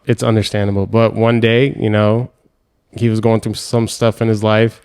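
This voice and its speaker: A young man from Hawaii hosting a podcast, telling animated stories and acting out voices and sounds. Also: fairly low pitch, moderate pace, smooth. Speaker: podcast host. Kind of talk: casual storytelling chat.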